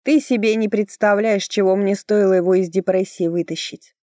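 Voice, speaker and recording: A woman's voice: medium pitch, fairly even intonation, normal speed, warm tone, dry recording, studio quality, close to an everyday voice. A woman reader voicing a bossy, buxom, motherly older woman who scolds and threatens in a folksy way. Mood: fond. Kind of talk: audiobook character voice.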